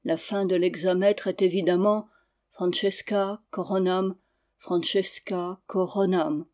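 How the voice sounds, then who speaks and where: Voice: mid-range voice, fairly even intonation, takes it slowly, darkish tone, lightly acted. An audiobook reader voicing a court physician who grumbles and mutters to himself. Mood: grumbling. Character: grumbling court physician composing Latin verse. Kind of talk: audiobook reading.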